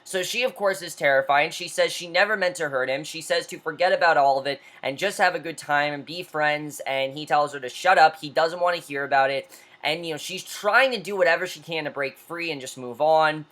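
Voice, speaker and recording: A woman's voice: low voice, brisk, fairly bright tone. A woman reviewing a TV episode in a casual recap. She retells scenes loosely with restarts and keeps calling things interesting.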